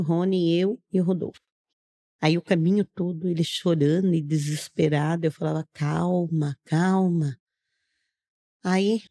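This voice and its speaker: Middle-aged woman with a low, mellow voice. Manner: earnest, narrates step by step and acts out others' words. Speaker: guest giving a testimony. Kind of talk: casual storytelling on a podcast.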